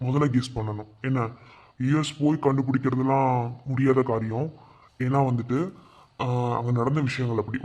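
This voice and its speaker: A man's voice: mid-range voice, a little mellow, close to an everyday voice. A man voicing a young friend in a fan-made cartoon who lays out plans and reassures others firmly. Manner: reassuring, lecturing, asks 'understand?'.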